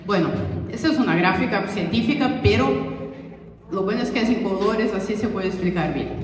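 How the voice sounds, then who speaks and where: A researcher giving an informal talk to a community audience, explaining findings with frequent restarts and rephrasing. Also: mid-range voice. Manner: explanatory, many restarts and fillers like "o sea" and "es decir". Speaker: researcher presenting study results. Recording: echoey hall heard from far off, faint noise.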